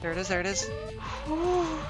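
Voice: high voice, sing-song, normal speed. A streamer giving exasperated gameplay commentary, cursing often and scolding the game character. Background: game music.

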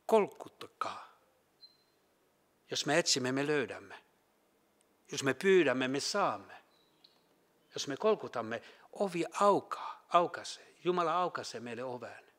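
A man preaching a sermon in a Finland Swedish accent. He talks earnestly, rising to emphatic peaks and dropping to hushed quiet, with halting restarts. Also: medium pitch. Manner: halting restarts with Finnish filler sounds.

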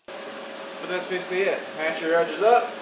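A man in his thirties with a high voice teaches welding step by step in a home garage workshop, explaining things in a practical, matter-of-fact way at normal speed with fairly even intonation. It's an instructional demonstration recorded from a distance in an echoey garage, with a fan humming.

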